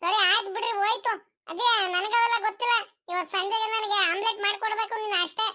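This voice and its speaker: Woman voicing a sulky cartoon grandson, whiny, cheeky, bright, fast. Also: very high-pitched, steady tone. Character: sulky young grandson, cheeky and easily hurt. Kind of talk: cartoon comedy dubbing.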